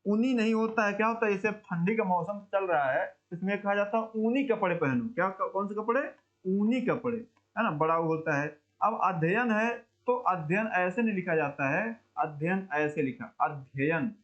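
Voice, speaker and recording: A man teaching an exam coaching lesson, quizzing students and slowly repeating words to drill pronunciation, chatty and calling listeners brother. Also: high-pitched, fairly bright tone, highs cut off. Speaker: Hindi teacher.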